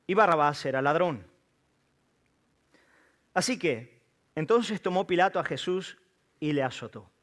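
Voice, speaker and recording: Solemn preacher. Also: male voice, a little high, fairly bright tone. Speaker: pastor. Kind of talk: scripture reading and prayer.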